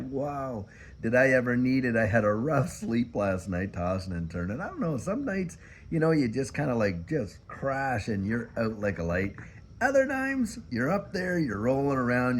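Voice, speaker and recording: A man's voice: lowish voice, slight background noise. An older man from Canada hosting a casual morning coffee chat, folksy and emphatic, often repeating "I'll tell you what". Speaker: commentary channel host. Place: home, living in the US.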